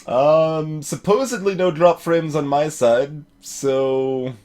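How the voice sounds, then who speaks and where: A man's voice: a little high, slow pace, a little mellow. Rambling male gaming streamer. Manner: rambling, with many fillers and chuckles. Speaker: let's play host. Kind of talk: casual gaming commentary to a live chat.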